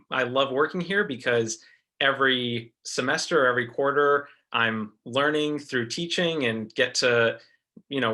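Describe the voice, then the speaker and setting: A man's voice: medium pitch, sharp tone. A man from American Samoa who teaches film, introducing himself casually on a video-call panel with lots of ums and restarts. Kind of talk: panel discussion, personal intro.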